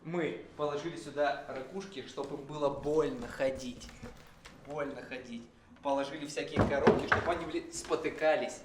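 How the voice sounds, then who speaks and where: A man hosting a game challenge in a casual, excited style. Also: a little high, moderate pace. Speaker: host of a challenge show. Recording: echoey room with clear background noise.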